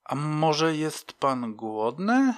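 A man's voice: fairly high pitch, very animated, drawn-out words, pitched above the performer's own voice, heavily acted. A man voicing a firm, compassionate woman coroner who speaks earnestly and insistently in an audiobook. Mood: kind, insistent.

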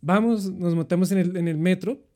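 A young Colombian-accented man tells travel stories casually, chatty and rambling in his animated retelling. His voice is a little high, and his pace is measured.

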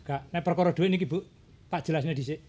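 A man's voice: fairly high pitch, brisk, mellow, lightly acted. A man playing a hot-tempered, domineering young husband in a family drama. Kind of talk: Javanese family drama acting. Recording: music playing under the dialogue.

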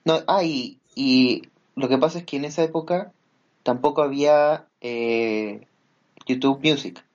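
A man's voice: mid-range voice, unhurried, a little mellow, muffled recording. A man in a casual chat, talking hesitantly with many fillers as he explains things.

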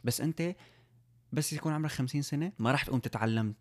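A man's voice: medium pitch, very fast. A man in his twenties with a Syrian Arabic accent, chatting casually and dropping in the odd English word. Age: 20s. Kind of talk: casual chat.

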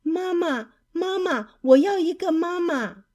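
A woman's voice: sits high, slow, a little mellow, pitched above the performer's own voice. A woman voicing a lonely little female bird in a children's storybook, calling out in a pleading, childlike way. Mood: crying.

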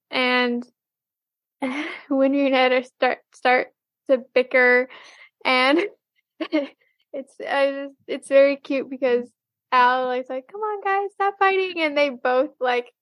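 A woman's voice: high voice, level tone, slow pace, long pauses, a bit bright, no echo. A woman co-hosting a podcast, recapping an episode casually and hesitantly, with many fillers. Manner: hesitant, full of "um" and "like". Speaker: podcast co-host.

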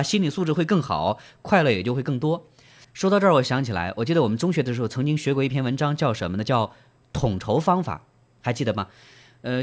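A man hosting a book club, explaining and retelling in trained standard Mandarin with frequent fillers and questions to the listener. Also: mid-range voice. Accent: standard Mandarin, broadcast-trained. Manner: gentle storyteller, asks listeners rhetorical questions. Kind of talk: book reading and discussion.

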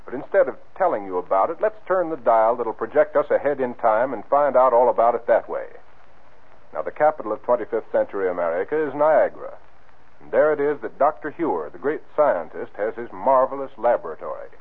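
A man's voice: medium pitch, animated, brisk, narrow, tinny audio. An old-time radio announcer on a thin, band-limited vintage recording. He is a man with a mid-range voice. He reads scripted copy and narration with showy, direct address to his listeners.

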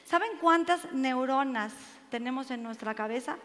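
A woman's voice: high-pitched, normal speed, fairly bright tone. A woman giving an earnest inspirational religious talk at a women's seminar and asking rhetorical questions. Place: seminar hall. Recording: long hall reverb.

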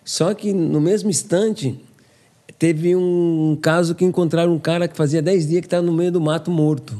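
A man's voice: a little high, moderate pace. A man, a podcast guest telling stories casually and acting out the dialogue. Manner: animated, acts out quoted dialogue. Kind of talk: casual storytelling.

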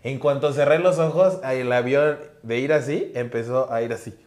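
A young man with a Mexican accent, a guest telling casual anecdotes in a relaxed way. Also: mid-range voice, moderate pace, echoey room. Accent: Mexican Spanish. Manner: relaxed storyteller, acts out quoted lines.

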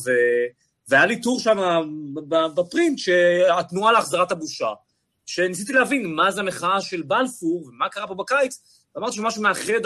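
A man speaking on a journalism panel, with a bright, sharp voice that sits a little high. He talks animatedly and fills his speech with hesitations. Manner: animated storytelling, many fillers. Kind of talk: panel discussion.

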